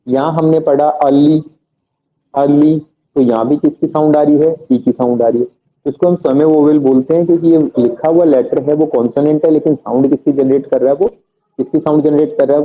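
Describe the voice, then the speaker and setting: Male teacher, classroom grammar lesson, quizzing students, thin phone-like sound. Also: a little high. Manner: asks the class questions and answers them himself, spells words letter by letter. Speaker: English teacher. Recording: tinny phone-like audio.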